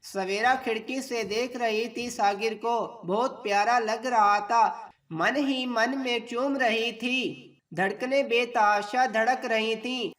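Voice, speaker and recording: A woman narrating an emotional story in a steady, measured way. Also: fairly high pitch. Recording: distant mic.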